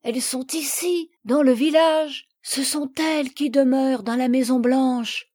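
A woman reading the lines of an eager young girl in a storybook, in a bright voice. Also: sits high, steady tone, measured pace.

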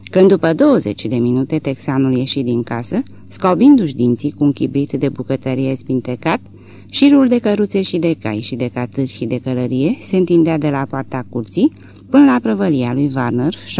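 Male audiobook narrator, warm, dark tone, lively pitch, reads literary prose with feeling. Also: gravelly. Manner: expressive, rises and falls with the action.

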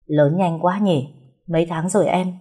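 A woman reading the lines of a young man just woken from a coma, in a quiet, trembling murmur. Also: lowish voice, normal speed, slightly rough. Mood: tender.

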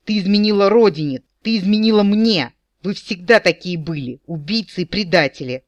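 A man voicing a sarcastic, indignant male elf captain who shouts accusations in an audiobook. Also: high-pitched, moderate pace, no room sound, highs cut off, voice pushed up, lightly acted. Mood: mocking, indignant.

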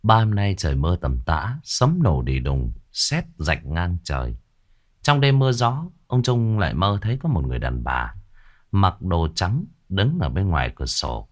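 A man narrating a ghost story in a dramatic, expressive way. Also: low voice, moderate pace.

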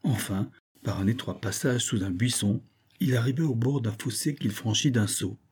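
A man reads a storybook aloud with a measured, even delivery. His voice is mellow and soft, with a husky grain. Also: medium pitch. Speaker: narrator. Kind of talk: storybook reading.

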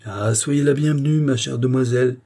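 A kindly old farm gamekeeper who talks eagerly and with emphasis, as a male storyteller puts him on. The voice sits higher and louder than the reader's own, with a dark, husky grain. It is an audiobook figure. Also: normal speed, lightly acted.

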